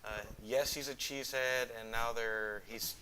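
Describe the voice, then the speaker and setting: A man's voice: mid-range voice, steady tone, normal speed, pushed and bright, a little hiss or hum, low-quality recording. A man from Northeast Texas hosting a casual interview, chatty and jokey, rambling a bit. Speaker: podcast host. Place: school campus room.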